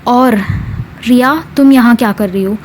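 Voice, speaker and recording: A woman's voice: a little high, unhurried, a little mellow, a little hiss or hum, natural voice. A woman voicing a bossy, protective young woman who gives orders in a commanding, insistent way. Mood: sharp.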